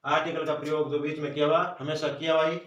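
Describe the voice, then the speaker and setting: Echoey far-off Hindi-accented teacher. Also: male voice, a little high, flat delivery, fast, fairly bright tone, lo-fi sound. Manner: repeats questions and answers them himself. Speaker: grammar teacher. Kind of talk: classroom lesson. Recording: roomy echo, voice from far off.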